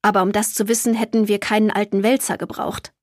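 Woman doing jovial old grandpa, warm storytelling, teasing, dry close sound, storybook. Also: mid-range voice, flat delivery, fast, no room sound, lightly acted. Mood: kindly.

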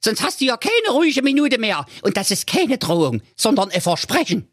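A man's voice: big pitch swings, normal speed, fairly bright tone, breathy edge, no room sound, studio quality, exaggerated voice. A man voicing a lazy, greedy and bossy wife in a spoofed fairy tale. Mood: domineering. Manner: shrill, bossy, mocking.

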